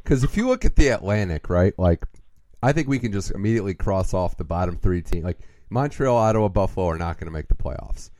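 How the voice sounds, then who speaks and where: A man hosting a hockey podcast, giving lively, opinionated takes in casual chat. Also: sits low, a little fast, no echo.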